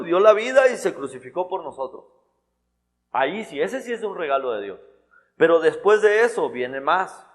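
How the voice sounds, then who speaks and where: A man preaching a sermon in a church hall, in a conversational style full of restarts and repeated words. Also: high voice.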